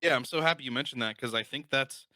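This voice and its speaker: A man's voice: mid-range voice, fast, pushed and bright, dry recording, low-quality recording. A man co-hosting a podcast, talking casually and rambling about a film with many "like" fillers. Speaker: podcast co-host.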